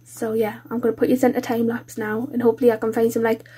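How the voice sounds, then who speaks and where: A British woman hosting a colouring channel chats casually and informally in a craft vlog, her nose blocked up from a cold. Her fairly high voice is warm and husky yet congested and nasal. She talks fast with a completely flat delivery.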